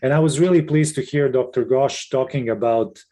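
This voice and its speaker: Middle-aged Serbian-born man, mellow voice, earnest webinar panelist, video call. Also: medium pitch, normal speed. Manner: earnest, with frequent restarts and fillers. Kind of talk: casual webinar talk.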